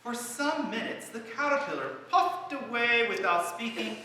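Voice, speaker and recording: Male narrator, bright tense tone, high for a man, storybook reading in an echoey church. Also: animated, measured pace. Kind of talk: live stage narration. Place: church sanctuary. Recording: echoey church hall from far off, faint hiss.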